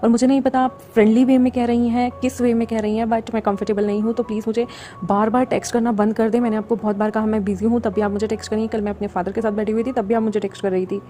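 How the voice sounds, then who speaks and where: A woman's voice: fairly high pitch, level tone, rapid-fire, warm tone, faint music behind. Exasperated woman channel host. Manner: frank and exasperated, scolding a pushy fan. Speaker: channel host and story narrator. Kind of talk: casual direct address to viewers.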